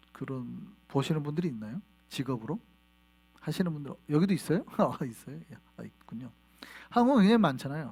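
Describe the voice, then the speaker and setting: Animated male pastor preaching. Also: a little high. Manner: animated, asks the congregation questions. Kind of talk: sermon. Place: church sanctuary.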